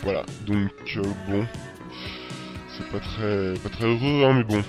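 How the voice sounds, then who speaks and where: A teenage male web radio presenter with a fairly low voice. He talks informally to his listeners, with music clearly playing behind him. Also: unhurried. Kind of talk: informal spoken radio segment.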